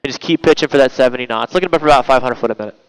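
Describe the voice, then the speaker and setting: A man working as a flight instructor, calmly and encouragingly talking a student through maneuvers step by step over a cockpit headset. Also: medium pitch, racing, smooth, rough recording. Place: small airplane cockpit in flight. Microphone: aviation headset intercom.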